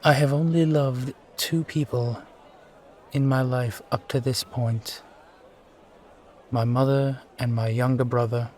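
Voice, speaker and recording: Man playing a slow-spoken, wistful sky pirate captain. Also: medium pitch, steady tone, darkish tone, slight background noise, close to an everyday voice. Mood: proud. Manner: wistful, courtly, rambling, given to sighs. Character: brooding, charming steampunk sky pirate captain, war veteran. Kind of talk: immersive one-sided roleplay audio acting.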